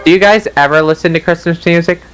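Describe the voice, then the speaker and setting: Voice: mid-range voice, quick pace, music in the background, rough recording. A player chatting casually with friends during a game. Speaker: player in a group gaming video. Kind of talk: casual gaming chat.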